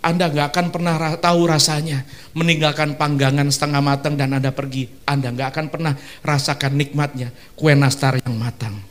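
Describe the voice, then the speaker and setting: A male pastor preaching in a church service, lively and animated, leading the congregation in call-and-response and slipping in playful asides. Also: fairly high pitch, fairly quick. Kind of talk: sermon.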